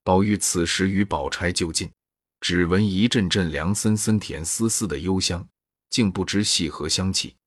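Low, husky male narrator. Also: moderate pace, no echo, clean studio sound. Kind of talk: reading a classic novel aloud.

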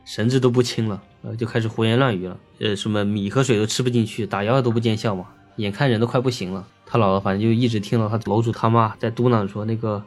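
Fast-talking man telling ghost stories. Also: lowish voice, faint music behind. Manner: chatty, filler-heavy, lively. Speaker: storyteller. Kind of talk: casual ghost-story telling.

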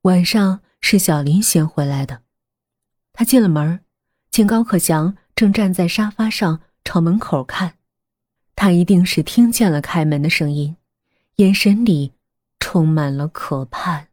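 A woman narrates a suspense novel in a measured, hushed manner. Her voice sits low with a husky edge. The recording is dry and close, with no room sound. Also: dry recording. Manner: measured, hushed storytelling that drops to a near whisper. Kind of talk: scripted audiobook narration.

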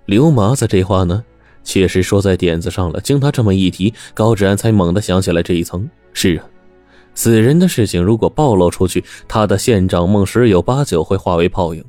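A man with a very low voice tells a dramatic story, acting out the lines of each character. Faint music plays under his voice. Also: brisk, dry recording. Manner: expressive, acting out the dialogue.

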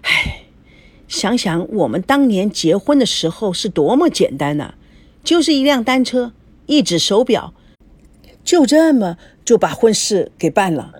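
A woman's voice: medium pitch, very animated, normal speed, a little mellow, slightly rough, no room sound, pitched above the performer's own voice. Woman doing a blunt older working-class dad. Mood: wistful.

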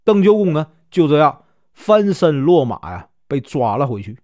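A man from Northeast China with a Northeastern Mandarin accent retells an old legend in a relaxed, chatty storytelling voice. His pitch sits somewhat high and rises and falls widely, and he draws out filler particles between phrases. The recording is dry and close. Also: moderate pace, no room sound. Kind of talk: casual storytelling of a classic novel.

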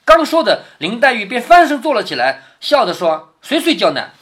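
A man's voice: very high-pitched, very animated, moderate pace, a bit bright. A man with a Changzhou accent reading a classic novel aloud to his daughter, stopping to explain passages and asking whether she follows. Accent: Changzhou Wu-accented Mandarin. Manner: explains passages, often adds tag questions to check understanding.

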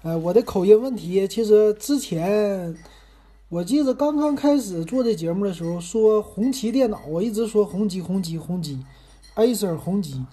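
Husky, mellow Northeastern Mandarin man. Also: sits high, expressive, normal speed. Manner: chatty, rambling, self-deprecating. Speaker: podcast host. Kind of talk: casual monologue.

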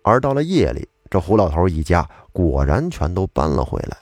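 Lively, low-voiced male storyteller. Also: normal speed, dry recording, studio quality. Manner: chatty, animated, colloquial asides. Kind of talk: casual storytelling of old tales.

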